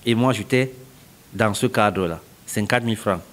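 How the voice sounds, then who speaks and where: In a lowish, somewhat bright voice at a moderate pace, a middle-aged man from Cameroon who founded a company answers interview questions. He explains things step by step and repeats phrases for emphasis.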